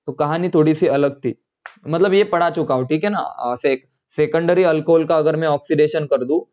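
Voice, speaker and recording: A man's voice: a little high, mellow, muffled recording. Man teaching chemistry, quizzing students. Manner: repeats points, quizzes students with quick questions. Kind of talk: online chemistry lecture.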